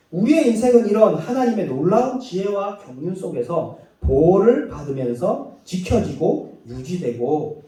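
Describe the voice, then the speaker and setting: A man pastor delivering a sermon in a church, preaching with lively acted quotes and light laughs. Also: high voice. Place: church sanctuary. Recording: echoey hall, mic far off.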